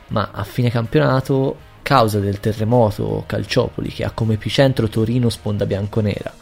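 Low, gravelly male podcast narrator. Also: darkish tone. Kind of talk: scripted sports history narration. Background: faint music.

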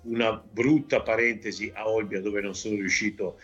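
A man in his fifties from Veneto, a football coach answering interview questions in a measured way, with frequent hesitations and restarts. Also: on the low side, level tone, fairly bright tone, breathy edge, highs cut off, soft background music. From Veneto, Italy. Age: 50s.

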